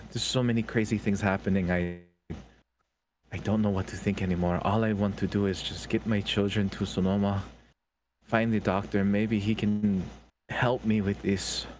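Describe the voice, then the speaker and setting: A man's voice: on the low side, fairly even intonation, unhurried, long pauses. A man playing his tabletop character, talking hesitantly with stammering restarts. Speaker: player. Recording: faint background noise on the mic.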